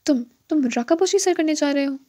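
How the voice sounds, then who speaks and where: A woman's voice: sits high, mellow, close to an everyday voice. A woman voicing a proud young woman doctor who speaks curtly and tries to seem aloof, in an audiobook. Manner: curt and aloof.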